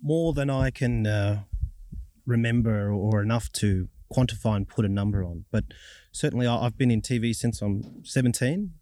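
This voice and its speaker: A man in his thirties with an Australian accent, giving measured, reflective answers in an interview as a journalist. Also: mid-range voice, dark tone, no echo. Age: 30s. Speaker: journalist and broadcaster.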